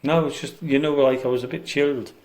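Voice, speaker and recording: A man calls out gently to spirits in a dark cellar on a ghost hunt, coaxing and patient. Between call-outs he chats in a plain, everyday way about what he is feeling. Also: mid-range voice, fairly even intonation, fast talker. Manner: coaxing, gentle, chatty asides. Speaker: paranormal investigator.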